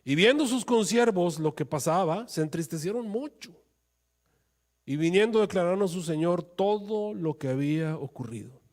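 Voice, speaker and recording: A man's voice: high voice, animated, normal speed, a little mellow. A male pastor preaching a sermon with passion, his voice rising into emphatic pleas.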